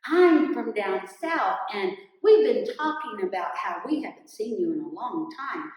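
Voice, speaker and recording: A woman's voice: mid-range voice, lively intonation, a little mellow, lightly acted. Woman playing a sly boastful trickster rabbit. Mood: coaxing. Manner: eager, fast-talking and pushy. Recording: roomy echo, distant mic.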